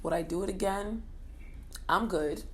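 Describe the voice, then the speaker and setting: A woman's voice: medium pitch, unhurried, slight background noise. A woman in her thirties casually and animatedly telling a personal story to camera, joking and swearing as she goes. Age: 30s. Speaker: vlogger.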